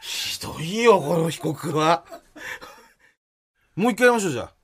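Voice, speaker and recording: A man's voice: fairly high pitch, lively intonation, normal speed, a little hiss or hum. A man co-hosting a comedy radio show, bantering theatrically with bursts of mock outrage. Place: radio studio.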